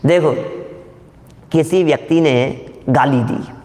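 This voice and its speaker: A man's voice: fairly high pitch, slow, a little mellow, long reverb tail. A man giving a religious scripture discourse to an audience, explaining step by step and often questioning his listeners. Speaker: scripture teacher.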